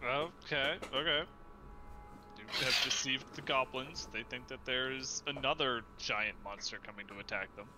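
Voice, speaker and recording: A man's voice: medium pitch, moderate pace, background noise. A man running a tabletop game as game master, calling turns and narrating outcomes in a casual, amused way.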